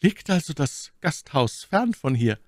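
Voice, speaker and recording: A man voicing a proud, cunning noblewoman in a high, haughty falsetto, in a dry audiobook reading. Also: big pitch swings, measured pace, dry recording. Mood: proud, cool. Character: proud, cunning noblewoman captive, imperious and suspicious.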